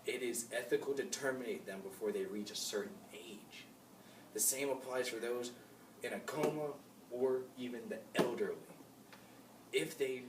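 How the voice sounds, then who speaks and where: A young man playing a calm male moral philosopher in a class-project mock debate, reading his lines a bit stiffly with some hesitations. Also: mid-range voice, lightly acted. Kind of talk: amateur class-project role-play. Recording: echoey room, mic far off, noisy.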